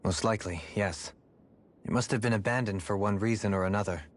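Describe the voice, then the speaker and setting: A man voicing a composed, analytical swordsman with measured, formal speech in an anime-style fantasy game. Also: lowish voice, lightly acted. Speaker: video game party character.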